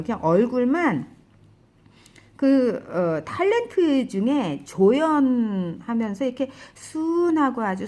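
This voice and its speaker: A woman casually recounting a dream as a testimony, describing it with lively gestures and frequent exclamations. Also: a little high.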